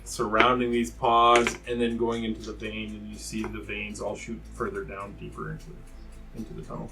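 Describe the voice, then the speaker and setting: A man improvising scene descriptions as game master of a tabletop game, in a halting, descriptive way. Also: fairly low pitch, monotone. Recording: distant mic with music behind. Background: music.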